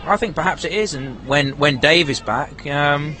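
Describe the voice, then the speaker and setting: A man co-commentating at a football ground, offering measured and slightly hesitant analysis. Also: fairly high pitch, pushed and bright, a faint crowd, rough recording. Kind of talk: match analysis.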